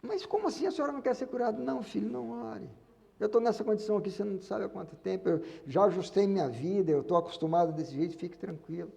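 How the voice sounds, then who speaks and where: A Brazilian man voicing a resigned elderly woman who gently turns down help, inside his sermon. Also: sits high, fast, creaky. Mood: gentle. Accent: Brazilian Portuguese. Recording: long hall reverb.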